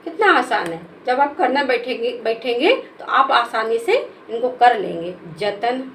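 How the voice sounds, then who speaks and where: A woman teacher leads a children's lesson, spelling out each word letter by letter. Her voice sits a little high, and she speaks very slowly and patiently. Faint background noise can be heard behind her. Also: animated, rough recording. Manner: patient, spells letters one by one, calls listeners "beta". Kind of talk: slow step-by-step children's lesson.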